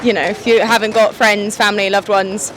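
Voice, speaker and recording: A woman's voice: mid-range voice, level tone, a little fast, music in the background, poor audio. A woman giving an earnest, opinionated answer in a street interview. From London. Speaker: passer-by.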